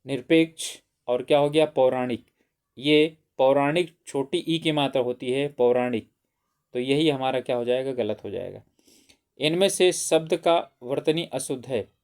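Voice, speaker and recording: Man, grammar teacher, slightly high voice, exam-prep lesson, self-answering questions. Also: a little mellow, smooth. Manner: asks questions then answers them himself; often says "theek hai".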